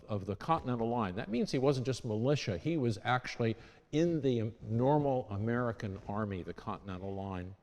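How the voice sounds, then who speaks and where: In a church, a man with a lowish, darkish voice gives a congregation an informal history talk, chatting conversationally and correcting himself and restarting as he goes. Long church reverb fills the recording.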